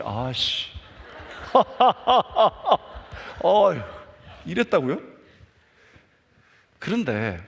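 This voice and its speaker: A middle-aged man preaching a sermon and telling a personal story, acting out his younger self shouting in anger. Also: fairly high pitch. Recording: long hall reverb.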